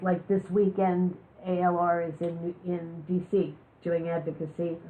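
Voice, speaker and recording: A woman's voice: lowish voice, a little hiss or hum. A woman giving a talk on living with chronic illness, telling candid personal stories with jokes. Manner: candid, joking storyteller. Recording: lo-fi, phone-like recording.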